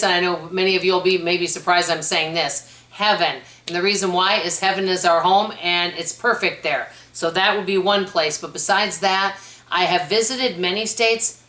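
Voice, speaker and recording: A chatty woman answering viewer questions at home in a casual vlog, telling stories in a lively way. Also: on the low side. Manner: chatty, animated storyteller. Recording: roomy echo.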